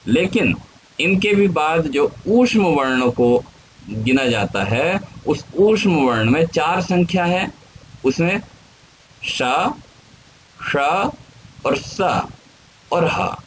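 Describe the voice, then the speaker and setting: A man teaching a grammar lesson, spelling out syllables one at a time in a deliberate lecture. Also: medium pitch, a little hiss or hum, rough recording.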